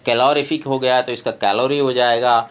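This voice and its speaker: A man with an Indian English accent, a tutor who slowly reads out textbook exercises and explains them. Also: medium pitch, fairly even intonation, clear, resonant tone. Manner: slow, deliberate reading of English prompts, explains in Hindi.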